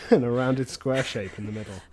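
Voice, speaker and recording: A man's voice: mid-range voice, fairly even intonation, normal speed, heavy background noise. A man reading a story aloud to friends, laughing as he reads.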